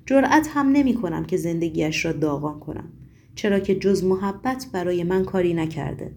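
A woman's voice: lowish voice, gravelly, a little mellow, slight background noise. A woman voicing a troubled, unhappily married woman in an audiobook, speaking in a pleading, emotional way. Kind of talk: audiobook reading.

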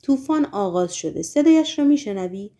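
A woman's voice: medium pitch, lively intonation, mellow, natural voice. A woman voicing a menacing, bony-handed male demon henchman who speaks bluntly and commandingly in a storybook reading. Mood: brusque.

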